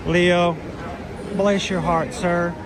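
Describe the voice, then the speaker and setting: A man chatting casually as a livestream host, self-deprecating, with soft R's that sound like W's. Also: high voice, normal speed. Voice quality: can't pronounce R's, says w for r. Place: outdoors at a theme park. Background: music.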